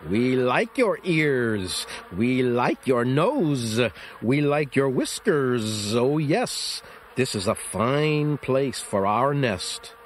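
Man doing slow singsong stubborn bees. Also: mid-range voice, big pitch swings, slight background noise. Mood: smug. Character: swarm of stubborn contented bees.

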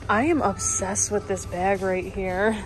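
A young woman vlogs her way through a large indoor retail store, chatting casually and thinking aloud about what's on the shelves. Her mid-range voice holds a fairly even intonation at a measured pace. The handheld phone camera yields poor audio, with store music playing overhead.

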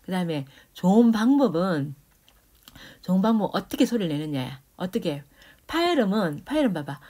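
A woman's voice: medium pitch, sing-song, moderate pace, warm tone. A woman teaching Korean grammar, explaining speech sounds, demonstrating consonants aloud and checking in with her students. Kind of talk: lecture explaining phonetics.

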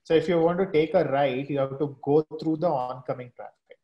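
A man's voice: a little high, a little fast, highs cut off. A young man from India with an Indian accent explaining things in casual chat as a guest, with hesitant repeated starts. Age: young adult. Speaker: podcast guest. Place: room at home, video call.

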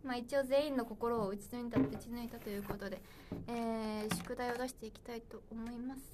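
Young woman, livestream host, casual playful chat, reads comments aloud, fairly high voice. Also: fairly even intonation, brisk, heavy background noise.

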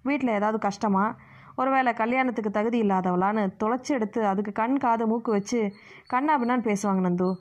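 A woman's voice: a little high, a little fast, lightly acted. A woman voicing a bossy middle-aged aunt who scolds and lectures, recorded muffled and lo-fi. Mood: lecturing.

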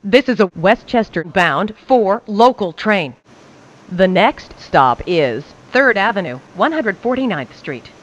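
A woman gives a scripted, measured subway train announcement, heard muffled. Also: sing-song. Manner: measured, formulaic delivery. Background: faint rumble of a subway car.

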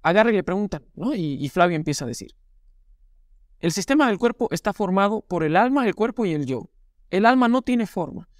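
A man's voice: high voice, lively intonation, a little fast, no room sound, clean studio sound. A man co-hosting a casual chat, reading a dialogue aloud with enthusiasm. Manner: enthusiastic storyteller, reads quotes with feeling. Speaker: co-host.

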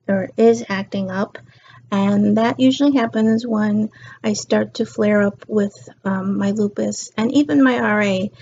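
Chatting to her webcam from the couch in her living room, a middle-aged woman who vlogs about beauty and lifestyle sounds tired and wanders from topic to topic. Her mid-range voice is mellow with a slight rasp. Audio from the built-in webcam mic is dull and lo-fi.

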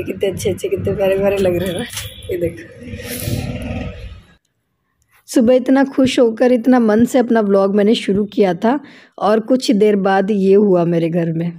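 A woman's voice: mid-range voice, normal speed, mellow, slightly rough. A middle-aged woman from India, narrating a casual home vlog in a chatty storytelling way and repeating phrases for emphasis. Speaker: vlogger.

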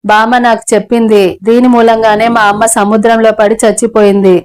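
A woman's voice: fairly high pitch, little pitch movement, moderate pace, darkish tone, clean tone, lightly acted. A woman reading an audio novel, voicing a spoiled little girl who shrieks threats through tears. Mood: angry, tearful. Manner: shrieking threats while crying.

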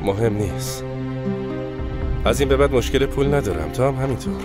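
A man's voice: mid-range voice, animated, close to an everyday voice. A man dubbing a remorseful young man who begs his former love to forgive him. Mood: pleading. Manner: pleading, turns angry. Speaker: dub actor. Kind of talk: Persian drama dubbing. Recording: studio dub with loud music.

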